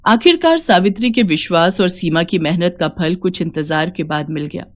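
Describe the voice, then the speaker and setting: A woman narrating a scripted moral story in an even, measured way. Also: lowish voice.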